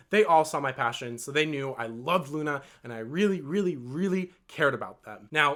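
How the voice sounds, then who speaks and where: Male vlogger with a somewhat high voice, earnest and rambling, filler-heavy delivery. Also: fairly bright tone. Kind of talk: storytime vlog.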